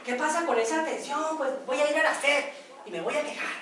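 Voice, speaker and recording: An indignant mother makes her demands in a high, complaining voice, as a woman puts her on. She sounds far from the mic in a very echoey room. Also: brisk, a crowd in the background, natural voice.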